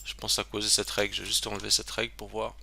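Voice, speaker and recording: A man's voice: lowish voice, monotone, quick pace, creaky, pushed and bright, slight background noise. A man giving a casual screen-recorded web tutorial, chatty and self-interrupting, with lots of fillers.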